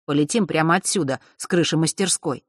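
A man voicing a protective, decisive teenage boy in an audiobook, brisk and matter-of-fact. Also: fairly high pitch, no echo, studio quality, close to an everyday voice.

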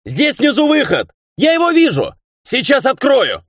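A man playing a young sorcerer shouting in a panic. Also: extremely high pitch, wildly swooping pitch, a little slow, no echo, studio quality, pitched above the performer's own voice, full character voice. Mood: urgent shouting. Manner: urgent shouting. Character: young male sorcerer shouting from a collapsing cliff.

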